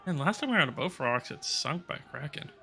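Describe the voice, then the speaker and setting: A man playing a tabletop game talks casually. His voice is a bit high for a man, bright and creaky. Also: very animated, quick pace. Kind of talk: casual chat.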